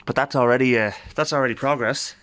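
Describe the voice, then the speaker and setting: Recorded on a handheld phone in a garage, the Irish man sounds mid-range and fairly bright, keeping his intonation fairly even at a quick clip. As host of a radio repair video, he gives loose, practical commentary and thinks out loud with understated humor.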